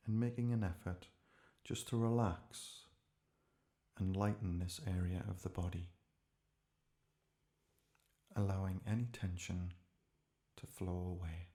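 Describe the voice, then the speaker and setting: Gentle and unhurried, a low-voiced man guides a relaxation session, speaking in brief phrases broken up by pauses.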